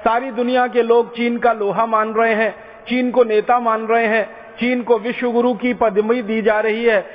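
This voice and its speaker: A man from India with a very high, level-toned voice speaks at a normal pace, delivering an impassioned public lecture and hammering each point home with repeated parallel phrases. The sound is tinny and phone-like, echoing in a reverberant hall.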